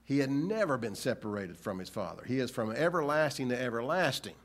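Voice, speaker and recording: A man's voice: mid-range voice, expressive. Earnest man preaching a sermon. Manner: earnest, searching, asks rhetorical questions; halting restarts.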